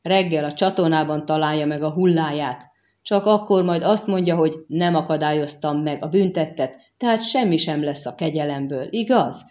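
A woman's voice: low-pitched, a little mellow, muffled recording, close to an everyday voice. A woman reading an audiobook and voicing a coarse, defiant young female bandit who swears and accuses. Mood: angry.

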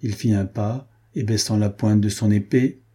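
A man reading a historical novel aloud in steady, measured scripted narration. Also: fairly low pitch, slightly rough. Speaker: audiobook narrator.

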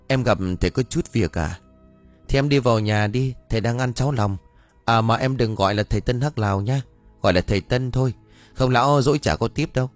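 A man's voice: medium pitch, brisk, faint music behind, close to an everyday voice. A man voicing an eager, cheeky young village lad, in a read-aloud story. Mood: cheerful. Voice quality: eager, teasing, chatty.

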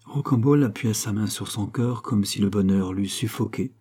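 A man giving a measured, dramatic narration of a classic novel. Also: lowish voice, mellow, slightly rough. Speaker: audiobook narrator. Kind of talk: scripted narration.

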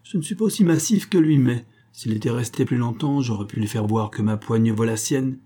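A man voicing a calm, ironic male detective who reasons aloud in a slightly raised tone, in an audiobook reading. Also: medium pitch, brisk, slightly rough, natural voice. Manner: cool, mocking, raised tone.

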